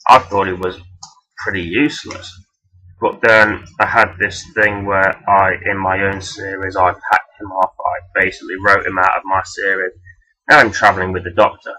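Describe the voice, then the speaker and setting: Low-voiced, raspy man rambling through a review. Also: little pitch movement, normal speed, sharp tone. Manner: hesitant, rambling, self-deprecating; blunt, sweary. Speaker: toy reviewer. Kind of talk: casual rambling toy review. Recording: dull, lo-fi sound.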